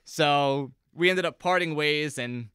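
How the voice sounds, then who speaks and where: Bright, clear-voiced young man telling stories. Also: fairly high pitch, slow pace, dry recording, studio quality. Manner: chatty, acts out quoted voices in his stories. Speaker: musician guest. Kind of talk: casual interview storytelling. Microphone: close podcast microphone.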